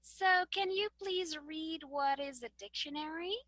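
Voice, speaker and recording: A woman teacher with a Filipino English accent leads a classroom demonstration lesson, checking in with students as she goes. Her voice sits high and sounds bright and crisp. The recording is dry and close, with no room echo. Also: a little slow. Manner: patient, guiding questions with frequent okay and right.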